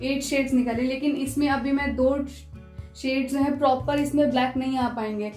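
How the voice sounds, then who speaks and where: A woman with a slightly high voice teaches a drawing tutorial at an unhurried pace. She repeats each instruction with patience. Her voice rings in a roomy space, with faint music in the background. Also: steady tone, a little mellow. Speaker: art teacher. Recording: echoey room with faint music.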